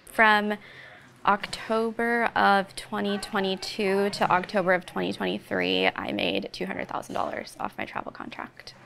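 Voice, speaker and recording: A woman's voice: medium pitch, flat delivery, normal speed, gravelly, fairly bright tone, a little hiss or hum. A woman in her twenties, a pediatric ICU travel nurse, chatting in a panel and explaining her work in detail. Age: 20s. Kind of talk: casual panel chat. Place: indoor cafe.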